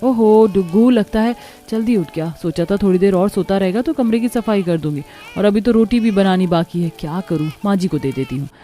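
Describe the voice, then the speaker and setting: A woman's voice: mid-range voice, fairly quick, few pauses, dark tone, soft background music, lightly acted. A woman voicing a frazzled young mother and daughter-in-law in a cartoon story. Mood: reluctant. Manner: exasperated.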